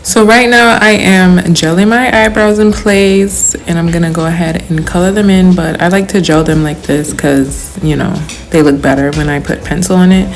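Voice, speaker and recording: A woman's voice: on the low side, steady tone, moderate pace, few pauses. A young woman giving a casual, chatty makeup tutorial voice-over in informal, slangy, emphatic language. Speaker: beauty vlogger.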